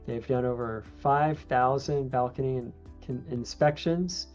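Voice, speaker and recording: A man hosting a live stream, making casual announcements in a halting, rambling way. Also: mid-range voice, mellow. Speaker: webinar host. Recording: dull lo-fi live-stream audio.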